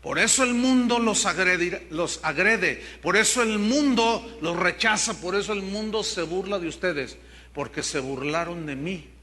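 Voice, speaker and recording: A man's voice: high voice, measured pace, bright, forceful tone. An older man from Mexico with a Mexican accent, a pastor preaching a sermon and telling stories with humor to his congregation. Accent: Mexican Spanish. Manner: storytelling preacher, jokes with the congregation.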